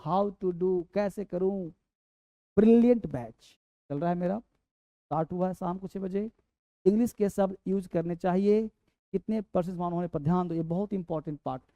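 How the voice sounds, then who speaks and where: Addressing listeners as "beta," a man teaches spoken English by drilling every word over and over. His voice sits high and sounds mellow, captured in a dry recording with dull audio.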